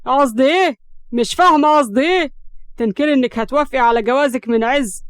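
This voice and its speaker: A woman with an Egyptian accent voicing a hot-tempered young man who snaps sarcastically and shouts in anger. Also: a little high, fast, clean tone, no echo, studio quality, lightly acted. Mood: heated sarcastic.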